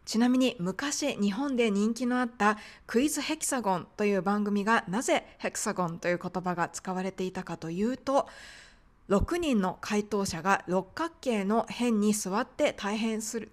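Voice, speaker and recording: A woman's voice: medium pitch, normal speed. A woman teaching medical English pronunciation in a polite, explanatory podcast lesson.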